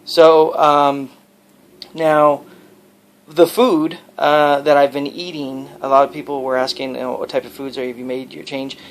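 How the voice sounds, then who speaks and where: A video blogger records a casual, personal vlog, explaining and giving advice as he goes, rambling earnestly from point to point. His medium-pitched voice is gravelly with plenty of creak, and his delivery is flat and a little slow.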